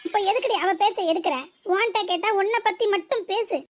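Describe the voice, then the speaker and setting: A woman's voice: extremely high pitch, a little fast, slight background noise. A woman voicing a worried, scolding middle-aged mother in a cartoon comedy, with a southern Tamil Nadu accent and a nagging, exasperated way of talking.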